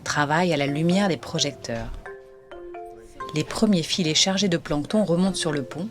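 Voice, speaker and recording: A woman narrating a podcast in a calm, scripted voice. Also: low voice, moderate pace, music in the background.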